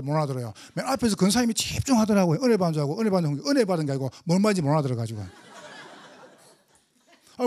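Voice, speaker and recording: Lively Gyeongsang-accented male pastor. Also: high voice. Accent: Gyeongsang Korean. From Gyeongsang Province, Korea. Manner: animated, humorous preaching with rising exhortations; fast talker. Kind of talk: testimony sermon.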